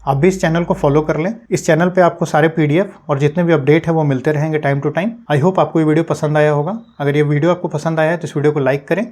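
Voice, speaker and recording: Patient Hindi-speaking teacher with a raised voice. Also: male voice, fairly high pitch, a little mellow. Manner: patient, repetitive explaining, mixing English terms into Hindi. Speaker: exam-prep English teacher. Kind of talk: Hindi vocabulary lesson, explaining word meanings.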